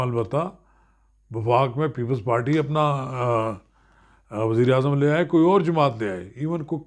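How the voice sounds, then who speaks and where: A man delivering political commentary in a Pakistani Urdu accent. He talks in an earnest, explanatory way, addressing his viewers formally at a mid pitch.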